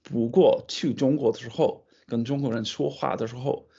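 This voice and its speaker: A man, a foreigner and native English speaker, speaking halting Mandarin with a foreign accent as a student in a casual interview. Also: mid-range voice, steady tone, warm tone, breathy edge, lo-fi sound. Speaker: language student being interviewed. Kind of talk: casual interview in a second language.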